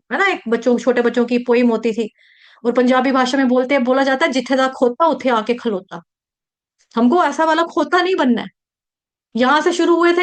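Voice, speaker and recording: A woman leads a devotional scripture lesson in a high, bright-toned voice. She tells her points through lively stories, dropping in English sayings and acting out the characters as she goes. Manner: animated storytelling, acting out quoted voices. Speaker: Bhagavad Gita teacher. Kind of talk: devotional teaching talk.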